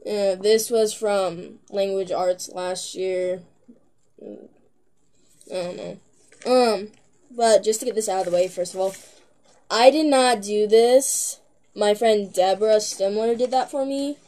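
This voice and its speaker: A young teenage girl chatting to her camera in a loose, rambling vlog, with plenty of filler words and giggles. She talks slowly, in an unhurried drawl. Her tone is soft and mellow rather than bright. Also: medium pitch. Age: young teen. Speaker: vlogger. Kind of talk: casual chat to camera.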